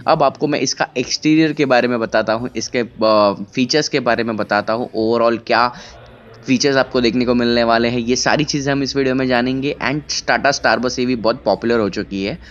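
Young guy doing a casual walkaround vlog, smooth voice, slightly dull camera audio, lots of uh pauses. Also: medium pitch. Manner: casual, Hindi mixed with English, many "uh" pauses. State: tired but excited. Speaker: car vlogger. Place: large indoor expo hall, walking through a bus.

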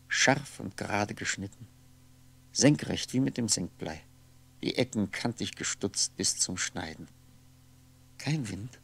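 A lonely, brooding man lost in faded memories muses aloud in a 1960s German radio play monologue. He has a low, gravelly voice with deliberate articulation, and his introspective phrases come haltingly, with frequent self-corrections.

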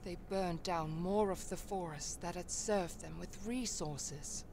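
A woman voicing a solemn storyteller who narrates a dark tale in a game, in a slow, grave manner. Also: lowish voice. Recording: game audio with ambient noise.

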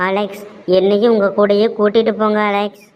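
A woman voicing a gentle, worried pregnant young woman. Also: medium pitch, flat delivery, fairly quick, natural voice. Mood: gentle worry. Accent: Tirunelveli Tamil. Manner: soft, worried, polite. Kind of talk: cartoon voice acting. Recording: dull lo-fi sound.

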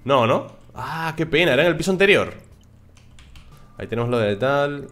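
Bright-voiced young man commentating gameplay. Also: medium pitch, moderate pace, faint music behind. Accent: Spain Spanish. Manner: excitable, swears freely, talks to his viewers. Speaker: gaming video host.

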